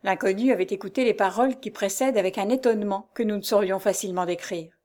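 A woman reading a novel aloud in a steady narrating voice. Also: medium pitch, fast. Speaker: reader.

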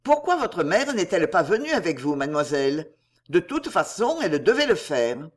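A reader voicing an older male magistrate, kind but stern, speaking in a measured, formal way. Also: mid-range voice, sing-song.

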